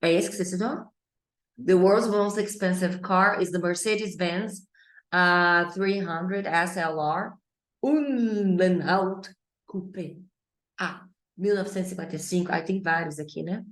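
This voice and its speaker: Slow-talking woman teaching English. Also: lowish voice, roomy sound. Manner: chatty, playful, mixes Portuguese with English. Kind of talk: online English class.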